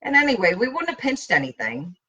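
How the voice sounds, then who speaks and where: A woman's voice: wildly swooping pitch, fairly quick, pushed and bright, slightly rough, distant mic, lo-fi sound, exaggerated voice. A woman reading as T, a grave, intense boy. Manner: low-key, intense, withdrawn.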